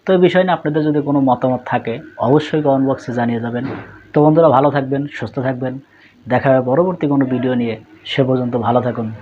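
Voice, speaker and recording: A man's voice: medium pitch, fast talker. A man hosting an online video, presenting news commentary to his viewers. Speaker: video host. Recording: slightly muffled, faint background noise.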